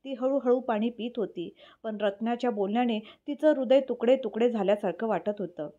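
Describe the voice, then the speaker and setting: A woman narrating a dramatic family story in an even, steady reading voice. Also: on the high side, moderate pace. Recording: dull lo-fi recording.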